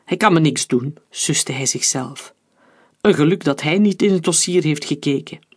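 A paranoid bald industrialist bursts out in tense, urgent lines, as a narrator puts him on. The voice sits mid-range and has a husky, breathy edge. It is an audiobook thriller. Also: medium pitch, moderate pace, close to an everyday voice. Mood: alarmed.

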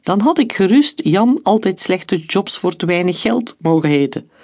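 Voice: mid-range voice, expressive, moderate pace, darkish tone, no echo, clean studio sound, voice pushed up. A narrator voicing a cynical, grumbling male welder, in a read-aloud story.

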